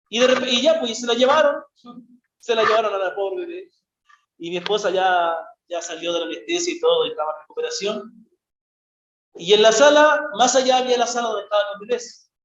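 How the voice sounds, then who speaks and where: Man, preacher, sermon, high voice, conversational, rhetorical questions, echoey church. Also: slight background noise. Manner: conversational, asks the congregation frequent rhetorical questions; earnest and explanatory, repeats key phrases. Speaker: missionary preacher. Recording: echoey, dull lo-fi church recording.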